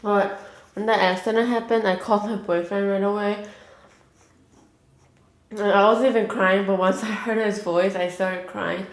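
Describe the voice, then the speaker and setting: A young woman chats casually while eating on camera. She rambles and fills her pauses with 'like' in a mid-range voice. The room around her echoes noticeably. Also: mid-range voice, steady tone. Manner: rambling, heavy use of 'like'. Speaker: mukbang vlogger.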